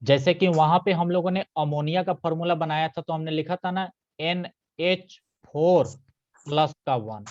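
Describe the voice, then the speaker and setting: A man's voice: fairly high pitch, moderate pace, darkish tone, highs cut off. A man teaching a live online chemistry class, patiently repeating key points and checking that students follow.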